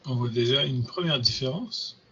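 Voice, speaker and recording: A man's voice: mid-range voice, normal speed, sharp tone, lo-fi sound, a little hiss or hum. A man teaching a grammar lesson, patiently repeating and spelling out words. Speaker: Hebrew teacher.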